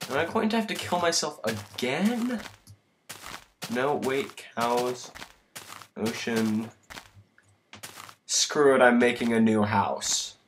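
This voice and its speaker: Slow-talking teenage boy rambling over gameplay. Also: mid-range voice. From United States. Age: teens. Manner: rambling, self-mocking, with sudden loud outbursts. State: tired and sick. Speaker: let's play gamer. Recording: noisy home recording.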